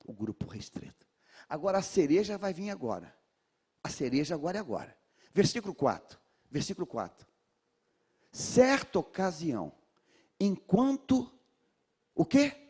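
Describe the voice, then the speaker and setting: A man from Brazil with a Rio de Janeiro accent preaching a sermon in a large church, calling on the congregation to repeat his words and swinging from hushed lines to shouts. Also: a little high, big pitch swings, normal speed, pauses often, husky. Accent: Rio de Janeiro Brazilian Portuguese. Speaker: pastor.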